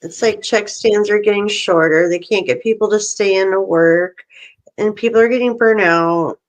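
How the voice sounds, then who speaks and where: A middle-aged woman co-hosting a casual chat, telling animated stories and acting out both sides of a phone call. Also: medium pitch, normal speed. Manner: animated storyteller, acts out phone calls. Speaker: podcast co-host.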